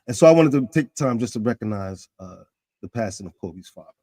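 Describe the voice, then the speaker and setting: A man in his fifties hosting a casual talk show, animated, his pitch climbing when he gets excited. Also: brisk, background noise. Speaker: podcast host.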